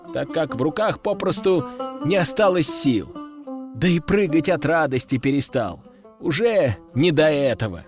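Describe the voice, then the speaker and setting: A man reading a novel aloud in a steady storytelling manner. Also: on the high side. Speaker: audiobook narrator. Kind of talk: scripted narration.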